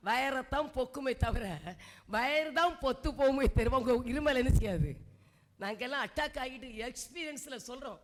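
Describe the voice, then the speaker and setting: A woman delivers a church sermon in a high, ringing voice. She exhorts fervently, rising to loud cries and dropping to low murmurs. She keeps calling on the congregation to answer back. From India. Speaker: preacher.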